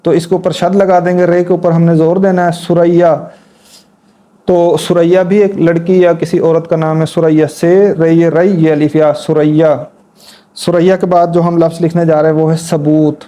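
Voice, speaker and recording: A man's voice: a little high, flat delivery, moderate pace, mellow. A man teaching the script in an instructional lesson, patiently spelling out each letter and repeating words while he demonstrates the strokes. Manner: talks while demonstrating at a board. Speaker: Urdu writing teacher.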